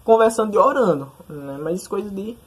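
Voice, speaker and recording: A man's voice: high-pitched, animated, moderate pace, slightly rough. A young man telling his side of a personal story casually, searching for words and often adding tag questions. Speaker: testimony speaker. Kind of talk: casual conversational testimony.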